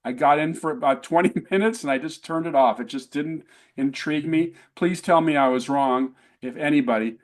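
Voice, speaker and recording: A middle-aged man with a mid-range voice hosts a relaxed talk about new films. He speaks with steady enthusiasm and praises the movies and actors he liked. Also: mid-range voice. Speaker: host. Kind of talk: casual film review chat.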